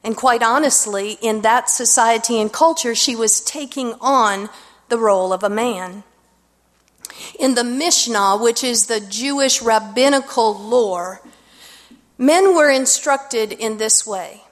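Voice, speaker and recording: A woman pastor preaching from a pulpit microphone, her higher voice unhurried and deliberate. Her words ring out in a church sanctuary with a long, lingering reverb. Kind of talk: sermon with scripture reading. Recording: long reverb of a large hall.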